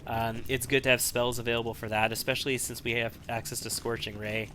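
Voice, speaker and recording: A man's voice: mid-range voice, little pitch movement, a little fast, sharp tone. A man giving casual, analytical gameplay commentary, sometimes repeating himself as he thinks. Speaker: video game let's player. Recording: faint background noise.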